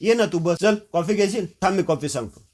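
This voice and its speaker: A man reads a troubled young groom from a television serial, earnest and resigned. The voice sits a little high. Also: expressive, fairly quick, darkish tone.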